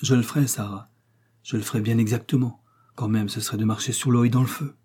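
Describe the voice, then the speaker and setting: A gloomy, loyal middle-aged innkeeper, earnest and somber, as a male narrator plays him. The voice is dark and husky, close to the reader's own. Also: medium pitch, fairly even intonation, quick pace, close to an everyday voice. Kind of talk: audiobook character reading.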